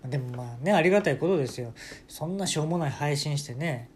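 A man hosting a casual solo podcast, telling a family story with playful jokes and quick self-corrections. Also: on the high side, expressive, a little mellow, slight background noise. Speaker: podcast host.

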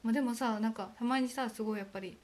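A woman's voice: on the high side, rapid-fire, a little mellow. A young woman from Aomori co-hosting a casual chat podcast with her sister, telling stories in a chatty, self-deprecating way. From Aomori, Japan. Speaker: podcast co-host.

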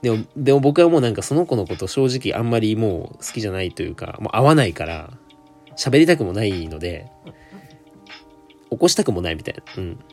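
A man's voice: fairly low pitch, very animated, a little fast, dark tone, soft background music. A young man, telling a work story in a chatty solo monologue full of asides. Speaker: solo podcaster. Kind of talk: casual monologue.

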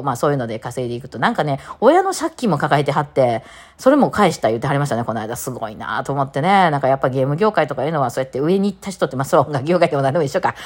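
Fast-talking Kansai woman, low voice. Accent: Kansai Japanese. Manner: chatty storytelling, lively asides. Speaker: podcast host. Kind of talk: casual solo chat.

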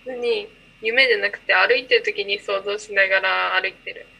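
A woman's voice: medium pitch, normal speed, creaky, sharp tone, husky, rough recording. A woman co-hosting a casual chat, telling things in an informal, rambling way. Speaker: podcast co-host.

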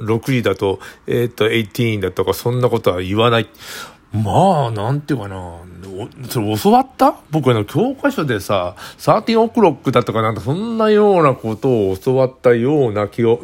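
An older man hosting a casual solo talk, rambling with many hesitant fillers and chuckling as he tells stories. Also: medium pitch. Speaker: podcast host.

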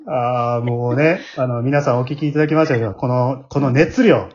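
A man with a Kansai accent and a medium-pitched voice hosts a casual round-table after-talk, speaking a little fast. He chimes in often with small acknowledgements, backchannels and chuckles. Heavy background noise and a dull, lo-fi sound mark the recording.

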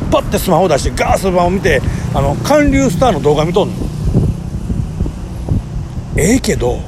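A man's voice: sits high, noisy background. A man in his forties with a Kansai accent, hosting a solo talk show, telling a story with vivid sound words and self-mocking humor. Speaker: podcast host.

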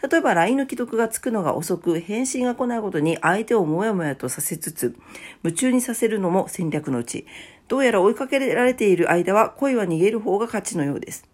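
A woman's voice: mid-range voice, expressive, brisk, darkish tone, breathy edge. A woman hosting a casual morning talk show, a bit stuffy-nosed, chatty and laughing at her own asides. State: stuffy nose. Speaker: podcast host.

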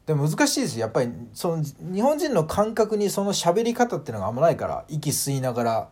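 A man hosting a casual solo audio talk, animated and full of fillers, acting out sounds as he explains. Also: on the high side, fast, slightly rough. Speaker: podcast host.

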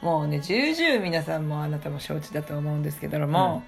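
A woman with a fairly low voice hosts a casual comedy podcast in the lecturer role. She complains playfully and breaks into laughter often, keeping the chat loose and teasing. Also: sing-song, a little fast, creaky, soft background music. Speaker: podcast host playing lecturer.

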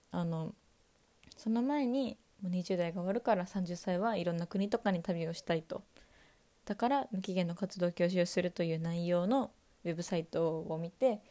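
A young woman, a university student, talking on her own in a calm, casual monologue and speaking straight to her listeners. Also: lowish voice. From Kanto, Japan. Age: young adult. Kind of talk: solo chatty monologue.

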